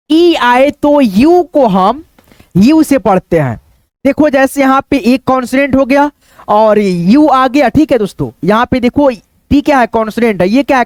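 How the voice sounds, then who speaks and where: A man with a very high, darkish voice teaches English pronunciation, treating his viewers like friends. He asks himself questions, answers them, and keeps repeating phrases. There's no echo on the recording.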